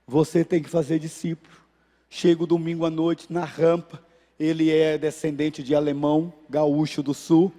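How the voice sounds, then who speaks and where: A man's voice: on the high side, moderate pace. A male pastor with a Brazilian Portuguese accent preaching a sermon, telling an anecdote and acting out the voices of the people in it. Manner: animated, acts out voices in anecdotes. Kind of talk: sermon with storytelling. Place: church sanctuary. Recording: reverberant church hall.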